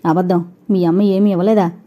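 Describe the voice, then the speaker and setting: A woman voicing an angry, domineering young husband who shouts and scolds. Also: lowish voice, flat delivery, a little fast, muffled recording, lightly acted. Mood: curt suspicious.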